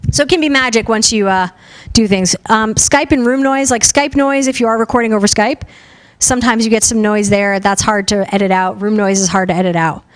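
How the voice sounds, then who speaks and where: A young woman giving a casual live talk at a conference, loud and talkative, with lots of fillers. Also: medium pitch, fairly quick. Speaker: conference speaker on podcasting. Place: conference room with a live audience.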